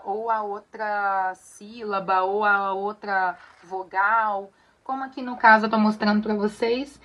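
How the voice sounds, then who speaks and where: A Brazilian woman gently teaching church choir singers to read sheet music, often checking they follow along. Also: a little high, lo-fi sound. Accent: Brazilian Portuguese. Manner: friendly, explains patiently with many "tá bom?" checks. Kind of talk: casual tutorial on reading sheet music.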